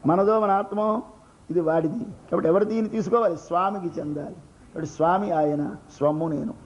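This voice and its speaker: A man's voice: sits high, fairly quick, highs cut off, a little hiss or hum. An older man with a Telugu accent delivering a devotional sermon, explaining by asking and answering his own questions and acting out little everyday scenes. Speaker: religious discourse speaker.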